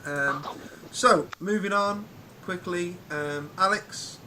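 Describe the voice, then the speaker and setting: A man's voice: sits high, takes it slowly, bright, forceful tone, a little hiss or hum. A man hosting a casual live chat, rambling with plenty of ums and restarts. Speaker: podcast host.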